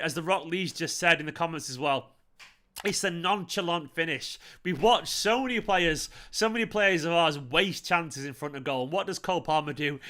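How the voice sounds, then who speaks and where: A man from Manchester with a Mancunian accent, hosting a fan channel with an excited, emphatic football match reaction that repeats phrases for effect. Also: on the high side. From Manchester, England.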